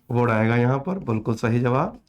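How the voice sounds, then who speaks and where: A man's voice: medium pitch, highs cut off. A man in his fifties, a teacher chatting and teasing with students in an online class, often calling them "beta". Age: 50s.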